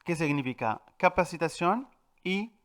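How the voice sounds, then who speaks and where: Male teacher explaining pronunciation to viewers, lively intonation, stresses example words. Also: a little high. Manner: clear and patient, repeats example words slowly and with stress; addresses viewers directly, with filler "eh". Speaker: language teacher. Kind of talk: French pronunciation lesson.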